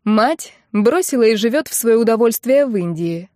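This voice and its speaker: A woman's voice: fairly high pitch, lively intonation, moderate pace, dark tone, no echo, studio quality, natural voice. A woman voicing a cold, domineering wealthy mother who talks down in a mocking, commanding way, in an audiobook.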